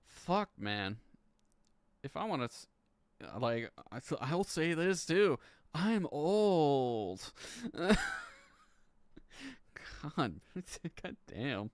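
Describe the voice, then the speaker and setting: A man's voice: on the high side, clear, resonant tone, dry recording. A man in his thirties chatting casually on a live stream, rambling and swearing, laughing between lines and stumbling as he reads legal text aloud. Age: 30s. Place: home room.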